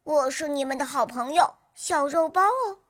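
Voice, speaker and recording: Woman playing childlike mascot, high-pitched, cute, children's story host, introducing storytime to little friends. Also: lively intonation, moderate pace. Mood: cheerful greeting. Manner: addresses small children as dear friends.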